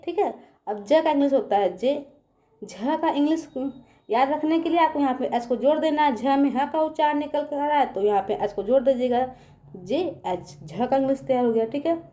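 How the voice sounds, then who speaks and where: A woman's voice: high-pitched, dark tone, highs cut off. A woman teaching young children in a patient online lesson, asking them questions and repeating herself often.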